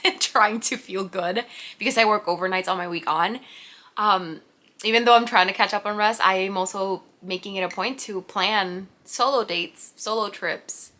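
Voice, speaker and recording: Recorded on a camera mic, this vlogger is a native Spanish speaker from Puerto Rico in her late twenties, talking to camera at home in an unscripted, rambling and giggly way. Her voice is mid-range, pushed and bright.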